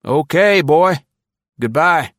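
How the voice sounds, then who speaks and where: A man reading a story aloud and voicing a brisk, paternal older army general with a gruff, clipped manner. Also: a little high, expressive, a bit bright, no room sound, clean studio sound, voice pushed up.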